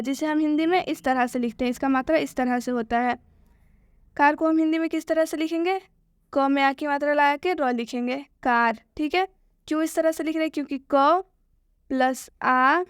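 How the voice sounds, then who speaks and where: High-voiced woman teaching pronunciation. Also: dry recording, studio quality. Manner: asks questions and then answers them, repeating each point. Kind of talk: explanatory lesson.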